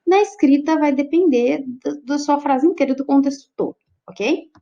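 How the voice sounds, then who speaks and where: In a dull lo-fi recording, a Brazilian woman teaches Portuguese online in a high, mellow voice at a moderate pace. She goes step by step and keeps checking in with her students.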